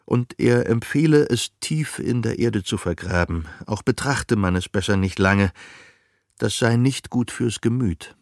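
Low-voiced male audiobook narrator. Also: unhurried, no room sound, studio quality. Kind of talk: scripted narration.

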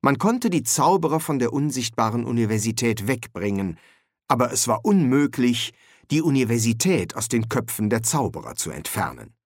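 Guy reading a funny fantasy audiobook, animated voice, super dry close sound. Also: medium pitch, moderate pace, dry recording. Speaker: audiobook narrator. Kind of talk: scripted narration.

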